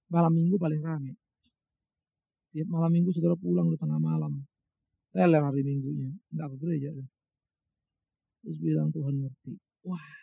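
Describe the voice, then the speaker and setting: A man's voice: fairly high pitch, gravelly, husky, no room sound. A middle-aged male pastor preaching a sermon, emphatic, asking rhetorical questions and answering them himself, talking straight to his listeners in a colloquial way. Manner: addresses listeners as brothers and sisters, colloquial asides. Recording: muffled, slightly lo-fi, dry.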